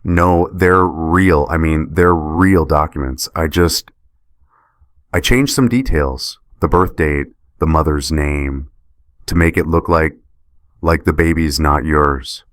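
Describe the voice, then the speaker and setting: A man's voice: extremely low pitch, slow pace, dry recording, clean studio sound. A man voicing a guilty, tearful wife who pleads and defends herself, in a story narration. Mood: flustered. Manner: soft, pleading delivery.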